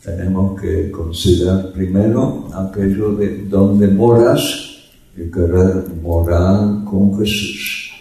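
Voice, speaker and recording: A male preacher tells his congregation a story in an unhurried, conversational way. His voice is low and mellow. He sits some distance from the microphone, and the church hall echoes heavily around him. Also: steady tone, vocal fry. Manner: slow, conversational preaching with illustrative stories. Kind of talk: sermon.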